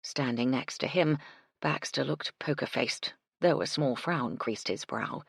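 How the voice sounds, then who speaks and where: Husky low-voiced woman narrating an audiobook, dry close sound. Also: dry recording. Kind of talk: scripted narration.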